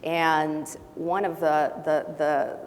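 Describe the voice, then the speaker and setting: Her voice is deep and her tone level as this non-native English speaker from Brazil and Honduras contributes to a panel discussion as a faculty member. Thoughtful pauses and restarts mark her speech, which echoes through a large auditorium over faint noise.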